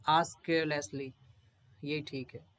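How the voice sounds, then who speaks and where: Male English tutor, slightly high voice, slow repetitive pronunciation drills, chatty asides. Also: flat delivery, fairly bright tone. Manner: repeats each word several times, reads English definitions slowly; homely, conversational asides to students. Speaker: English teacher. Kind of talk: explaining vocabulary and drilling pronunciation.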